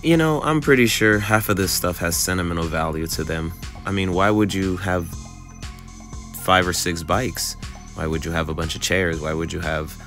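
Walking city streets and riding in a car, a thirtysomething vlogger who relocated to California in 2005 offers relaxed, observational commentary on his phone, often asking rhetorical questions and repeating himself. Music plays under his narration, and his low voice has a slightly bright quality.

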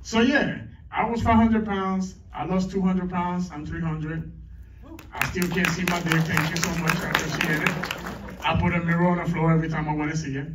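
A man's voice: on the high side, level tone, moderate pace, fairly bright tone, slight background noise. A middle-aged man doing a stand-up comedy set on a club stage, teasing the crowd with crude banter. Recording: echoey club, distant mic, dull lo-fi.

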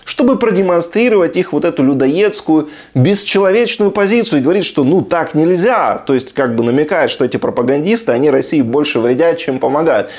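A man's voice: fairly high pitch, expressive, a little fast, few pauses, a little mellow. A man in his thirties from Ukraine giving sardonic, incredulous commentary as a video blogger, recorded in a room at home. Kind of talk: sarcastic commentary on TV clips.

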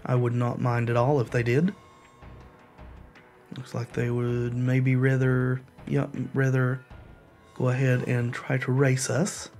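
Faint music plays behind a man's medium-pitched, a little mellow, monotone voice as he takes it slowly and pauses often. Recovering from a cold, he casually commentates his online card game, explaining the cards' rules before muttering through the plays.

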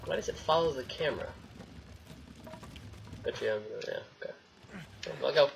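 With game audio running behind him, a young adult gaming host records let's play commentary in a room at home. He speaks at a moderate pace in a mid-range voice touched with vocal fry, grumbling, swearing casually, and addressing both himself and the game.

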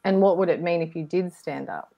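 A woman co-hosting a casual online discussion, reflective and gently encouraging, often restarting her sentences. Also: fairly low pitch, fairly quick, creaky, lo-fi sound. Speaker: co-host. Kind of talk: casual group discussion on a video call.

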